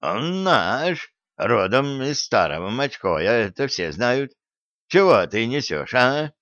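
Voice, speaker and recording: A man's voice: medium pitch, sing-song, slow, dry recording, dull audio. A man voicing a furious, indignant old man. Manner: indignant, shouting. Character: angry stubborn old village man.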